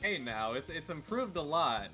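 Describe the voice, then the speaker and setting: A man's voice: on the high side, big pitch swings, normal speed, pushed and bright. A man playing a tabletop game, bantering and role-playing casually, often repeating himself as he thinks. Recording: music playing behind the voice. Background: background music.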